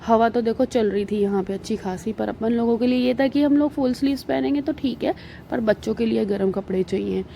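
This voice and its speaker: Narrating family travel clips, this Indian-accented vlogger and mother of young children tells stories chattily and loosely, with many fillers and pauses. Her voice is a bit high, warm, mellow and creaky, over a faint background hiss.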